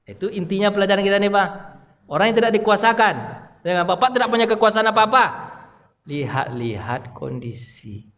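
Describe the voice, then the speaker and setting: A man preaching a mosque study lecture in a loud voice, often addressing his listeners as "Pak". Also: sits high, quick pace, lo-fi sound. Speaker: Islamic preacher and teacher. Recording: long mosque hall reverb.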